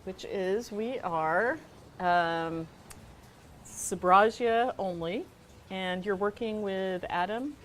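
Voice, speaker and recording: A woman's voice: medium pitch, takes it slowly, a little hiss or hum. A woman hosting a casual conversation in a courtyard, chatty and agreeable, laughing often. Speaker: host. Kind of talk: casual chat. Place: outdoor courtyard.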